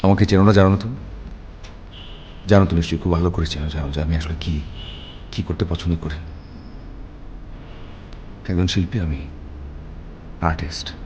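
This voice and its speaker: A man's voice: deep voice, steady tone, normal speed, pauses often, a little mellow, lo-fi sound, a little hiss or hum, lightly acted. An actor playing an artist husband in a TV drama, arguing in a stern, lecturing way with his wife. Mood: reasoning. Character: artist husband arguing over parting, male adult. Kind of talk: TV drama acting.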